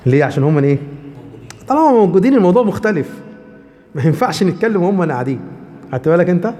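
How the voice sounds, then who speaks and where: Egyptian-accented religious teacher, fast and a little high, lecture hall echo. Keeps checking the room with rhetorical questions. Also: male voice, big pitch swings, warm tone. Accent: Egyptian Arabic. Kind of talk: explaining hadith to a class.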